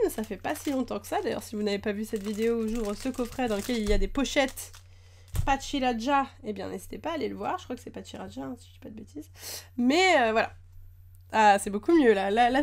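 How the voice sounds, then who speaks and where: A woman's voice: fairly high pitch, slight background noise. A woman chatting casually at her desk as she unboxes trading cards, gushing over the cute ones. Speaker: card-opening YouTuber. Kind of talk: casual chat while unboxing.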